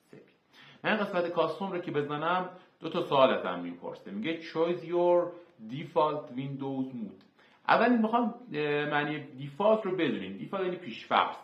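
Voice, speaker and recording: A man hosting a screen-recorded software tutorial, explaining each term step by step with filler sounds. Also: fairly low pitch. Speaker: tutorial host. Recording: echoey, dull lo-fi room.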